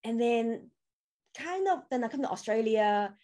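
A fairly high-pitched, dark-toned woman talks in an animated but unhurried way. She's a crypto coach from Hong Kong, a native Cantonese speaker, chatting about her story in a casual podcast interview with loose grammar and many fillers.

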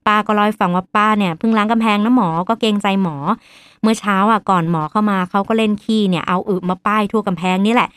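A woman doctor hosting a podcast who tells a story in a lively way and acts out the voices of the people in it. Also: medium pitch, fast talker, clear, resonant tone, no echo.

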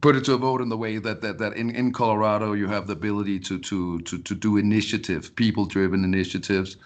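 A man's voice: fairly low pitch, fairly even intonation, fast talker. A man from Denmark, a podcast guest, talking casually and often repeating words as he restarts sentences. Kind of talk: casual interview talk. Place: Colorado.

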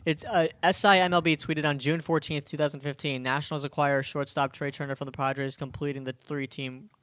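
A man's voice: on the high side, fairly even intonation, a bit bright, no echo. Eager man reeling off sports stats. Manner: quick, enthusiastic, reads stats aloud. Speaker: podcast co-host. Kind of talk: casual sports chat.

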